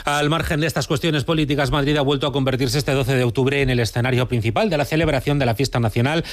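Guy reading radio news, quick steady pace, mid voice. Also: medium pitch. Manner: brisk, measured newsreader delivery. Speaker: news anchor.

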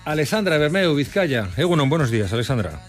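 A man's voice: on the high side, very animated, fast. A man hosting a morning radio show, chatting in a rambling, easygoing way in the studio. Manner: chatty, rambling, laughs easily. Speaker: radio host. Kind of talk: casual radio chat. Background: music.

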